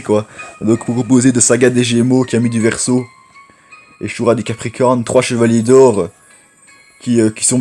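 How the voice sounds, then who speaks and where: A man with a low voice giving rambling, chatty gameplay commentary and talking to viewers as friends. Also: mellow. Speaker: gaming YouTuber.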